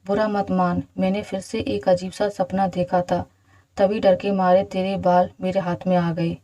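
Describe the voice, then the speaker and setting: A woman voicing a cunning old foster mother in a storybook, speaking softly and coaxingly in a dark, mellow tone. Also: fairly low pitch, flat delivery, normal speed, close to an everyday voice, rough recording. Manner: soft, coaxing.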